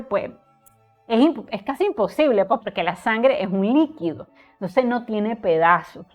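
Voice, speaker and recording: A woman's voice: mid-range voice, dull audio. A woman literature tutor giving an online poetry lesson, explaining step by step and counting syllables aloud to her students.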